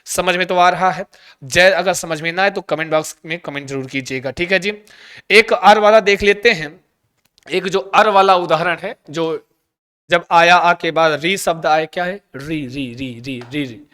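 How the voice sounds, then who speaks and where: High, smooth-voiced male grammar teacher. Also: normal speed, bright, forceful tone. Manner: asks the class questions and answers them himself, repeats key sounds. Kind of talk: exam-prep grammar lesson.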